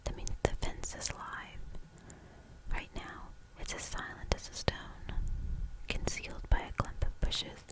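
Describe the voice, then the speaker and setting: A woman reading a novel aloud for ASMR in a soft, hushed whisper, slow and deliberate. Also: poor audio.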